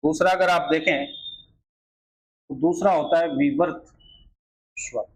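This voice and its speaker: High-voiced man teaching Hindi grammar. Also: measured pace, low-quality recording. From India. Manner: repetitive filler phrases, rhetorical questions to students. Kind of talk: exam-prep grammar lesson.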